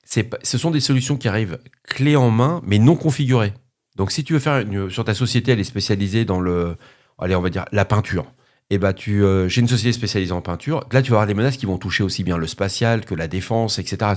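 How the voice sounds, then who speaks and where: A man's voice: lowish voice, quick pace. A middle-aged man hosting a podcast, answering a listener in a frank, joking, rambling casual manner.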